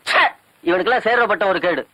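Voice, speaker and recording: An actor playing an eager village gossip who carries tales in film comedy dialogue. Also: male voice, sits high, expressive, fast, sharp tone, full character voice. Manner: eager, tattling.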